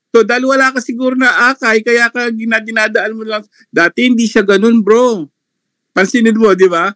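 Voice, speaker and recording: A man's voice: extremely high pitch, steady tone, moderate pace, sharp tone, no echo. A man commenting on a religious debate on an online live panel, mocking and laughing often between remarks.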